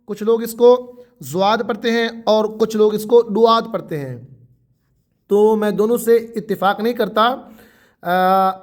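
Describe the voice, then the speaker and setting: A man's voice: high-pitched, fairly even intonation. A man teaching a Quran tajweed lesson, drawing out single letter sounds and explaining each one patiently. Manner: drawn-out letter sounds for pupils to repeat.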